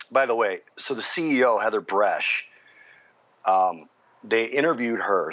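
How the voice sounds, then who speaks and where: Man, finance podcast co-host, deep voice, chatty storyteller, a bit muffled. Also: fairly bright tone. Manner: chatty, explains news stories at length. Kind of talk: casual podcast chat.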